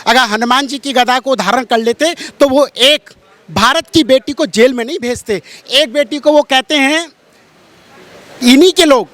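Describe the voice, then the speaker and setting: In an impassioned street-interview polemic, a religious interviewee holds forth in a strikingly high, sharp and forceful voice. He sounds preachy and emphatic, driving his points home by repeating his phrases.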